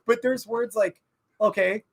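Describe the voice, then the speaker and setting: A man co-hosting a podcast in casual chat, animated and profane, often laughing. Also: high-pitched, measured pace. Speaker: podcast co-host.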